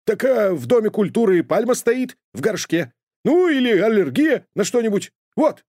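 A man doing an excited young dog. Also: moderate pace, dry recording, clean studio sound. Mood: eager. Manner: high, excited.

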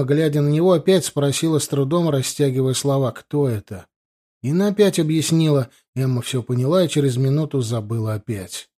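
A man narrating a story as an audiobook in a steady, even manner. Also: medium pitch.

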